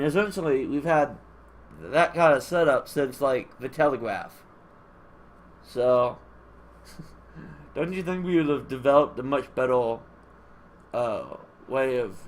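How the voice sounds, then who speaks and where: Here the gaming host has a mid-range voice and a measured pace, pausing often as he muses aloud in loose, rambling commentary. He sounds nasal and stuffed up from a congested nose, with clear background noise audible on the recording.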